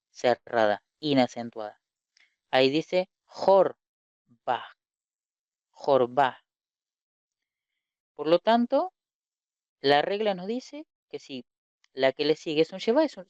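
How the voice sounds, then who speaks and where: A male teacher gives an online lecture at an unhurried, measured pace, repeating key terms and putting rhetorical questions to his students. His voice is smooth and clear. The sound is dry and close, with a slightly muffled, lo-fi quality. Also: on the high side, dry recording. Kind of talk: online lecture explaining slides.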